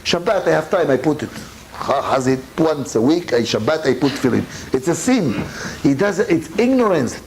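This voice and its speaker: A man's voice: a little high, sing-song, normal speed, a little hiss or hum, low-quality recording. A man giving a Torah lecture as a rabbi, telling stories in broken English with Hebrew words mixed in and acting out both sides of each dialogue. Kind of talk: storytelling sermon.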